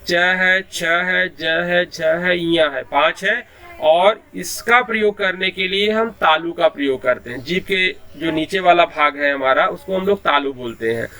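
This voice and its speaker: A man's voice: a little high, bright, forceful tone. A man teaching Hindi in an online class, explaining patiently and sounding out letters one by one, with a habit of repeating a filler phrase.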